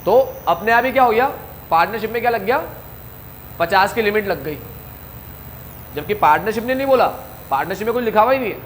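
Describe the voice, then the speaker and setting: High-voiced man teaching a coaching class, drilling students with questions and answers. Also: lively intonation, fairly quick, long pauses, a bit bright, slight background noise. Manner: talks straight to students, asks questions and answers them himself. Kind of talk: classroom lecture.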